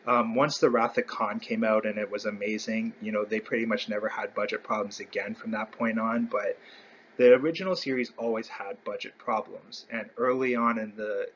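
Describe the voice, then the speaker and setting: A man's voice: on the low side, steady tone, normal speed, a bit bright, muffled recording, slight background noise. A man hosting a casual fan video, rambling through a ranked list with many fillers and self-corrections. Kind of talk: casual ranking commentary.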